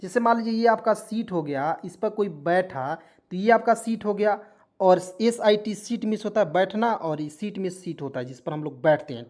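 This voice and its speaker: A male teacher records an online video lesson. He has a patient, steady classroom manner. He spells words out, repeats them, and keeps putting questions to his viewers. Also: high-pitched. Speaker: English teacher.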